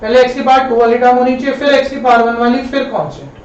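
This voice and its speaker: A male maths teacher explains each step slowly and repeats himself patiently, to his students like a familiar elder. His voice comes some distance across a very echoey classroom. The sound is dull and lo-fi, with a faint hiss behind it. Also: extremely high pitch, expressive. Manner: patient, repetitive, addresses students as kids and brother. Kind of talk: live online classroom lesson.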